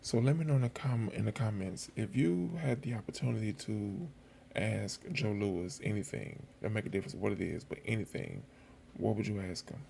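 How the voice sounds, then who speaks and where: The host of a boxing footage channel gives casual commentary directly to viewers in an informal, colloquial, conversational style. His voice is on the low side and dark-toned with vocal fry, at normal speed. Faint background noise can be heard.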